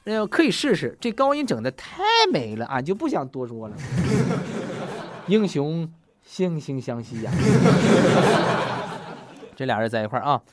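Host type: jokey man, very animated pitch, chatty. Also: measured pace, pauses often, very noisy. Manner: jokey, laughs often. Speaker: host reading listener messages. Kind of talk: casual chat.

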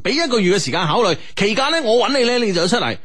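A male radio host with a lively, swinging intonation and a fairly high voice. He chats casually in Cantonese, giving advice with colloquial tags and emphatic particles. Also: racing. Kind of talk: casual advice-show chat.

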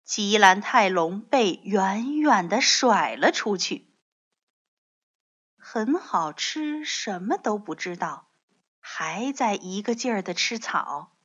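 A woman reading a picture book aloud in a soft, expressive storytelling voice. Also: medium pitch, takes it slowly, husky. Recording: dull lo-fi audio.

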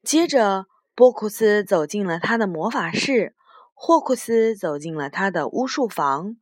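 A woman reading a children's storybook aloud as a gentle storyteller. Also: medium pitch, expressive, dry recording. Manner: slow, gentle read-aloud.

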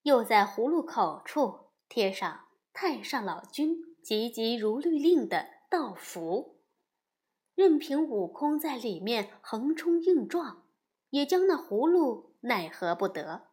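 Woman narrator for a storybook podcast: slow, animated, high-set. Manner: slow, expressive reading.

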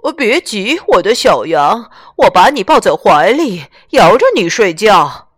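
A woman voicing a gentle, motherly female horse who speaks soothingly, in a storybook reading. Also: medium pitch, very animated, unhurried, breathy edge.

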